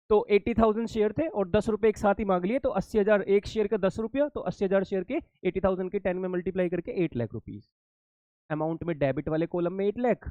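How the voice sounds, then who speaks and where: A man's voice: sits high, mellow, no echo, lo-fi sound. A male accountancy teacher giving an exam-prep lesson to students, repeating key points, checking that they follow and calling them kids.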